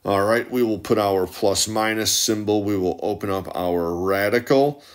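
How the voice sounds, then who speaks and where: A man teaching math as a voice-over, walking methodically through each step out loud. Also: lowish voice, moderate pace. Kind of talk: step-by-step tutorial narration.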